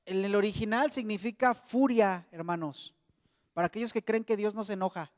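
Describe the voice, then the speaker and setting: Here a Mexican man, his voice fairly high and his pace normal, chats with his congregation as brothers during a sermon, his accent Mexican Spanish. The sound is close and dry up front, with the hall adding a long reverb tail.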